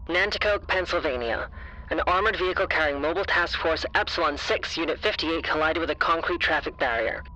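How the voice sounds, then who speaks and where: A scripted audio drama bulletin has an actor voicing a detached, impersonal official who reads an incident report in a formal, clipped manner. He sounds fairly high-pitched, brisk, and sharp. The recording is low quality.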